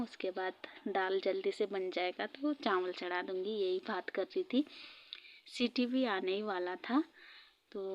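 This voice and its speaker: A woman's voice: mid-range voice, dull audio. A woman vlogger narrating her day in a chatty, rambling voice-over, laughing often. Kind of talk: casual voice-over vlog narration.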